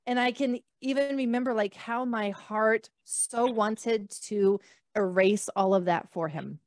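A woman physician in her thirties, hailing from the northern US near the Canadian border, relates her story with frequent fillers during a video call from a small room at home. Using a podcast mic, she speaks at a fairly high pitch and measured pace, in studio-quality audio with no room sound.

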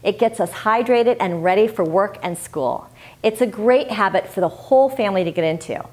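A woman's voice: medium pitch, normal speed, darkish tone. A woman hosting a health tips video, speaking to camera in an emphatic, scripted style full of rhetorical questions.

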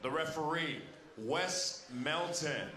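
Male ring announcer, lucha libre-style drawn-out calls, high voice, echoey arena. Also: sharp tone. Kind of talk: bilingual boxing ring announcing. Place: boxing ring in a large arena. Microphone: handheld microphone. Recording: echoey, noisy arena public address.

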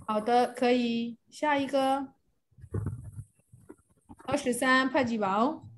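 A woman's voice: sits high, fairly even intonation, takes it slowly, a little hiss or hum, low-quality recording. A woman teaching a Chinese class, explaining phrases and calling on students to read. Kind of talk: classroom instruction.

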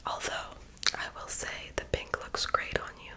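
A young woman doing a whispered role-play in a breathy, unvoiced ASMR whisper with tingly mouth sounds. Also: moderate pace. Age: young adult. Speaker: ASMR performer playing a friend doing homework and makeup on the listener. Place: small bedroom, indoors.

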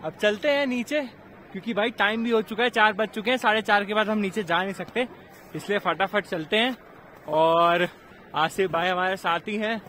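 A man's voice: sits high, moderate pace, pushed and bright, a little hiss or hum. A young man vlogging outdoors on a mountain trail, chatting casually to his viewers and calling them brother, filmed on a handheld camera. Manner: chatty, addresses viewers as bhai. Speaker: travel vlogger. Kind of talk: casual vlog chat.

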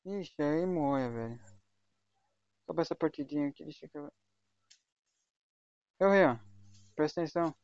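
A man's voice: fairly high pitch, animated, moderate pace, long pauses, darkish tone, dry recording. Slangy young man streaming games. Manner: slangy, chatty, talks to voice chat while playing. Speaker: gaming livestreamer. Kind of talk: casual live gaming chat. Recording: dull, lo-fi home stream mic.

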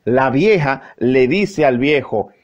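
A man's voice: medium pitch, expressive, takes it slowly, a little mellow. A man telling a joke on the radio in a playful, sing-song way, on muffled lo-fi sound. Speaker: joke teller. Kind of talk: comic storytelling on radio.

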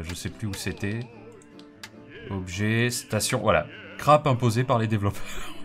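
A man hosting a let's play, chatting casually and jokingly as he thinks aloud through the game. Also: on the low side. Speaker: gaming video host. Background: game music.

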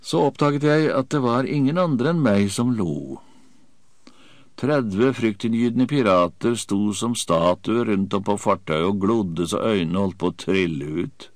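Male audiobook narrator, deep voice, dramatic first-person reading, dry close sound. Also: expressive, dry recording.

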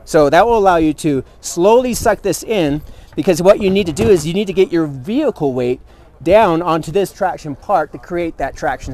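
A fairly high, slightly mellow male voice comes from a product representative in his thirties doing an eager, hands-on demonstration outdoors at an expo booth. He explains enthusiastically, and a camera mic a few feet away records him.

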